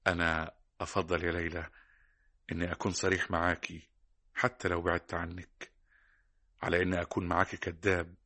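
An actor with an Egyptian accent playing a frank, consoling doctor in a vintage radio drama. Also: male voice, low voice, level tone, fairly quick, pauses often, bright, forceful tone, full character voice. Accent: Egyptian Arabic. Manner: earnest, consoling. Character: gentle, frank male doctor consoling a young woman.

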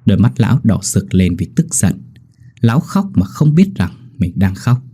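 Low, husky storyteller. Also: male voice, sing-song, moderate pace, mellow. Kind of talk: scripted horror narration.

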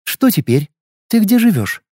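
A man's voice: high-pitched, big pitch swings, a little slow, darkish tone, husky, no room sound, clean studio sound, pitched above the performer's own voice, exaggerated voice. A man voicing a snappy young woman makeup artist. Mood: brisk. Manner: snappy, indignant.

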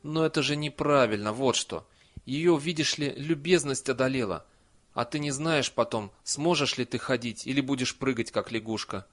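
A man reading an audiobook voices a nervous, simple peasant man who rambles loudly in rustic speech. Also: medium pitch, moderate pace, natural voice. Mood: pleading.

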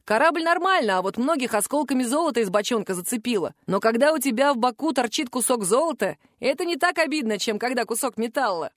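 A woman voicing a rough male pirate sailor who talks in an offhand, boastful way. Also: a little high, lively intonation, quick pace, hardly any pauses, dry recording, clean studio sound.

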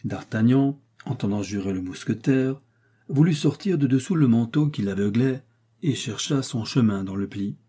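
Mellow, husky male narrator. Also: medium pitch, animated, normal speed. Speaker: audiobook narrator. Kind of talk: audiobook narration of a classic novel.

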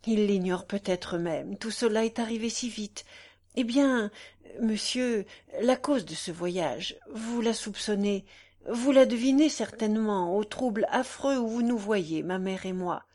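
A woman's voice: mid-range voice, measured pace, darkish tone, close to an everyday voice. A woman reading the part of an anxious young married noblewoman who speaks curtly, with tense hesitation. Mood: urgent.

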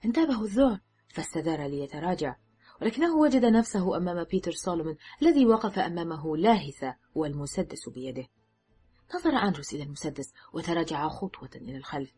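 A woman narrating an audiobook thriller in a measured, dramatic reading. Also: on the low side, lively intonation, dark tone, slightly rough, faint music behind. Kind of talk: scripted narration.

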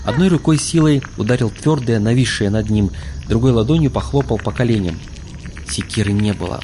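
Man narrating a dark fantasy audiobook. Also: mid-range voice, a little fast, a little hiss or hum. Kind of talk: scripted narration.

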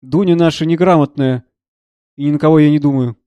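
A man reading the part of a troubled, gentle elderly professor who speaks earnestly and with agitation. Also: fairly high pitch, fairly quick, clear, resonant tone, dry recording, dull audio, lightly acted.

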